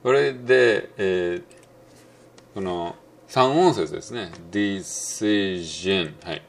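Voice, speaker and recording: A middle-aged man with a Kansai Japanese accent gives a casual spoken lesson on English pronunciation. He muses along with many fillers and slows right down to demonstrate words. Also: on the low side, lively intonation, vocal fry, slight background noise.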